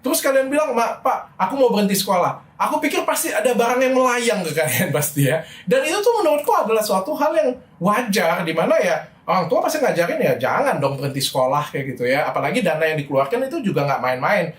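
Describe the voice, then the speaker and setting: Middle-aged man vlogging, frustrated and animated, lively voice, echoey room. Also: fast. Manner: animated, frustrated, shifts pitch when quoting people. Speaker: vlogger telling his side of a story. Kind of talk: casual personal monologue.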